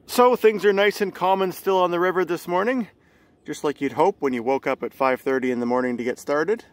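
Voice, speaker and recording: A man in his thirties talks into a phone held at arm's length while paddling a canoe outdoors on a quiet river. His voice sits a little high, and he explains the route and local history in a steady, calm, tour-guide way. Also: a little fast, a little hiss or hum. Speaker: solo canoe vlogger. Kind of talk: casual travel narration. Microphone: phone camera at arm's length.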